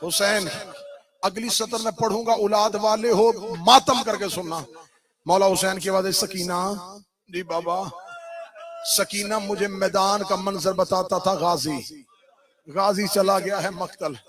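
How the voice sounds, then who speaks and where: A male cleric delivering a Muharram mourning sermon, moving from hushed storytelling to loud, wailing chanted cries. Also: high voice, fairly even intonation, measured pace. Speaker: Shia cleric reciting a Muharram majlis. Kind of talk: sermon, chanted martyrdom recitation. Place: majlis hall during Muharram.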